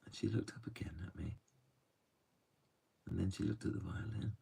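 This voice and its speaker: A man telling a true story softly and gently, often dropping to a hush. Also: deep voice, fairly even intonation, in a whisper, distant mic. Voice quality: gravelly and husky. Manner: soft, unhurried, often drops to a hush.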